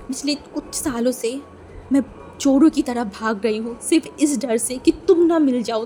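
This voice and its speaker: Woman doing a hurt young guy yelling back, higher and louder, stammers when scared, storybook read. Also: slight background noise, natural voice. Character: young man, poor, hurt and furious.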